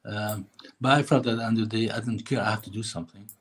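A middle-aged man from Lebanon talks over a video call from a room indoors. His low voice is husky and a little raspy. He answers hesitantly, with fillers and restarts as he searches for words. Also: fairly even intonation, fast talker, poor audio. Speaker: filmmaker guest. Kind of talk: interview answer.

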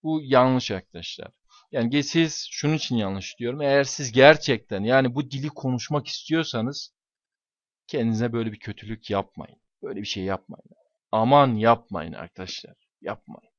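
An emphatic man teaches a class and walks through exam questions, hammering home key words by repeating them. His voice sits at a middle pitch. It sounds dull and lo-fi in a dry space with no room echo. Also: normal speed. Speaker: English teacher.

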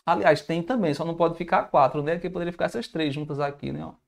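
A man's voice: a little high, fast talker, vocal fry. A Brazilian man teaching a live math review, thinking aloud and answering viewer comments in an informal way. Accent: Brazilian Portuguese.

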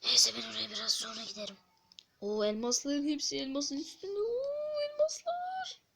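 Chatty woman gamer-host, casual commentary, higher voice, faint noise. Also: brisk, bright, forceful tone. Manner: chatty, addresses viewers, muttering asides. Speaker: gameplay video host.

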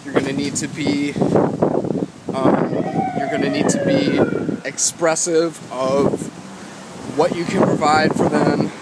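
A man, giving casual advice in a halting, emphatic way as he vlogs outdoors. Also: on the high side. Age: 20s. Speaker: guitar vlogger. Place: outdoors walking along a city street. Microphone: phone at arm's length, wired earbuds in. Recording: loud wind and street noise on phone mic. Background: wind, traffic, urban ambience.

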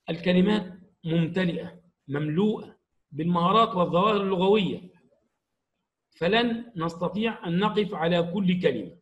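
A man teaching an Arabic grammar lesson to young pupils, explaining slowly and stressing each example word. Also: sits high, poor audio.

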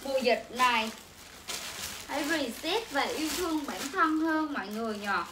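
Young woman hawking clothes on a livestream, high bright voice, echoey room. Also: expressive, normal speed. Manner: chatty, repetitive sales patter to viewers. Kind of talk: livestream selling chat. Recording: echoey room with faint ambient noise.

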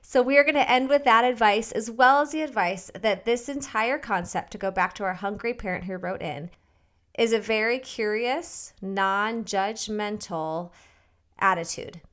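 A woman's voice: medium pitch, moderate pace, a bit bright. A woman co-hosting a podcast who tells a short story and wraps up the episode in a friendly way. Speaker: podcast co-host. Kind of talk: casual chat, wrapping up an episode.

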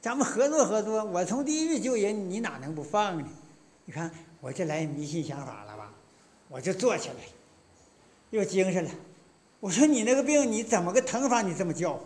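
Older man in his 60s, Northeastern Chinese accent, folk lecturer, high voice, swooping intonation, colloquial storytelling. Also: a little fast. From Northeast China. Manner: lively folksy storytelling, colloquial.

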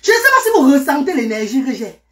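A woman's voice: high voice, very animated, quick pace. A woman talking live to her viewers in a casual stream, exclamatory and greeting people by name.

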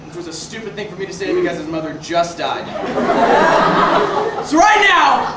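A young man playing a ranting barfly who spins a rambling tall tale in a stage comedy sketch, stopping himself mid-story and working up to shouts, heard from far off in an echoey school auditorium. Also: extremely high pitch. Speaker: student performer in a variety show sketch. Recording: echoey hall, mic far off, noisy.

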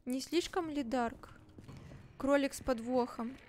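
Cute, very high-pitched woman game streamer. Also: unhurried, a little mellow, slight background noise. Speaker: game streamer with anime avatar. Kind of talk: live horror game commentary, casual chat.

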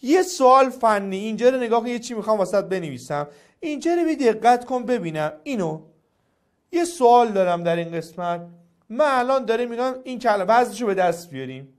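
A lively male teacher with a high voice that leaps up and down as he quizzes his class. He coaxes answers out of his students during a grammar lesson.

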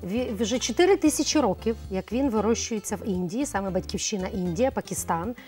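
A woman's voice: medium pitch, expressive, a little fast, a little mellow, faint music behind. A middle-aged woman, a cosmetologist guest on a morning TV show, explaining things in a chatty way with frequent hesitations. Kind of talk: morning TV studio conversation.

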